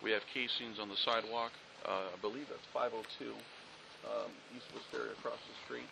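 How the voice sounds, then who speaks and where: Male police officer, low gravelly voice, methodical on-scene briefing, outdoors, faint ambience. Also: fairly even intonation, brisk, noisy background. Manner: methodical, factual, with fillers.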